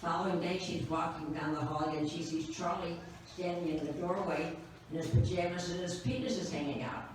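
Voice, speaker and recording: A woman's voice: on the low side, fairly even intonation, brisk. A woman in her nineties doing live stand-up, telling jokes unhurriedly with dry punchlines. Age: 90s. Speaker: stand-up comedian. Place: cigar bar, live audience. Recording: echoey, distant, noisy live room.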